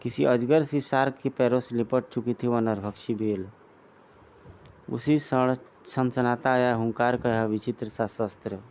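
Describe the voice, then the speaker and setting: A man's voice: medium pitch, fairly even intonation, a little slow, a little mellow. A man reading a comic book aloud in a dramatic way and adding his own remarks. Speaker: comic reader.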